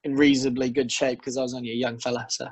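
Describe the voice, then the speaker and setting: Flat-voiced New man, chatting. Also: mid-range voice, racing, breathy edge, no room sound, low-quality recording. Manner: easygoing, rambling with fillers. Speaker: guest rugby player. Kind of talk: casual podcast chat.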